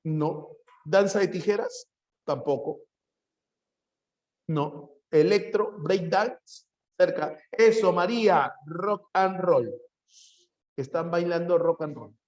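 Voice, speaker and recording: Guy teaching a class, kinda high voice, keeps repeating himself and throwing questions at the room. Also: lo-fi sound. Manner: animated, repeats phrases, quizzes students with rapid questions. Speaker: psychology teacher. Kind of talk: lively classroom lecture.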